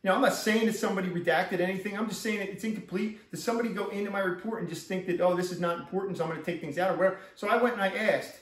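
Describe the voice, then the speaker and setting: A man's voice: high voice, steady tone, rapid-fire, hardly any pauses. A middle-aged man, a police officer, giving a rambling first-person account that is full of repeats and restarted sentences. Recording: echoey room, far from mic.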